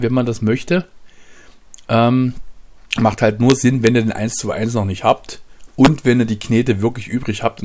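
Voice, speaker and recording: A middle-aged man hosting his own gaming channel, chatting casually at his desk and thinking aloud with lots of fillers. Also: on the low side. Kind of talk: casual game commentary. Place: home room at a desk.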